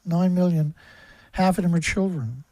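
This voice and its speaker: This man hosts a livestream and launches into a furious, foul-mouthed monologue packed with pounding rhetorical questions. His voice sits high and sounds mellow, at a moderate pace, in a dry recording.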